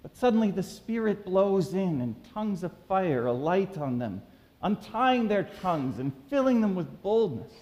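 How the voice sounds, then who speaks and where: A man delivers a sermon from the front of a church sanctuary, reading scripture and telling a story with animated emphasis. His voice sits fairly high for a man, and a long reverb trails each phrase through the room. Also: normal speed, muffled recording. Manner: animated preaching, reads scripture then tells a story. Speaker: pastor.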